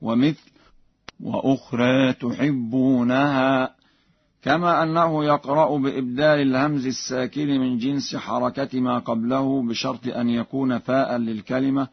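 A man teaching Quran recitation. He gives measured explanations, then chants the examples slowly and melodically. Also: medium pitch, steady tone, vocal fry, husky, no echo, highs cut off.

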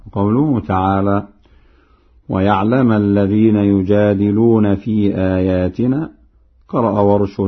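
A man teaching Quran recitation, explaining each reading and then chanting the verse example slowly. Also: lowish voice, husky. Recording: narrow phone-like sound.

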